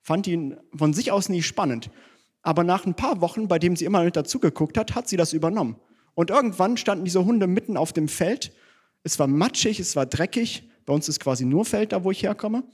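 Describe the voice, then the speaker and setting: A man's voice: sits high, expressive, a little fast, darkish tone, husky. A man preaching a sermon in church, conversational and self-deprecating, mixing teaching with personal stories.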